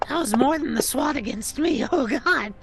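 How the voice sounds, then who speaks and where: A woman's voice: sits high, lively intonation, normal speed, soft background music. A woman playing a tabletop game, chatty and playful. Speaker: player. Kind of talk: casual tabletop play.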